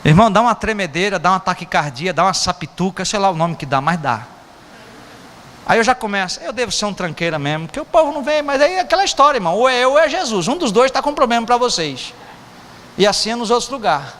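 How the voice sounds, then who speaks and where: A Brazilian pastor preaches a casual sermon, joking with his congregation between points. His voice is high and bright, rising and falling a lot. It carries through a long-echoing church hall with a faint hiss underneath. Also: very animated, fast. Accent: Brazilian Portuguese. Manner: joking, chatty, teasing the congregation. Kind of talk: informal sermon.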